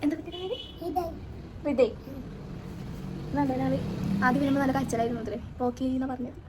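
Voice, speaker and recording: A woman's voice: sits high, fast, noisy background. A woman vlogging her family day, talking to her small son in a coaxing sing-song way. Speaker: vlogger and mother. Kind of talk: casual family vlog talk.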